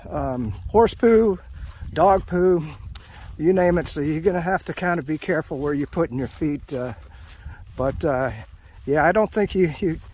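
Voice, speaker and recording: A man's voice: fairly high pitch, a little mellow, slightly rough. A middle-aged man narrating a hike on camera while walking an outdoor trail, chatting casually with many fillers and restarts. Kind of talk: casual hiking commentary to camera. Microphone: handheld action camera, off-screen narrator.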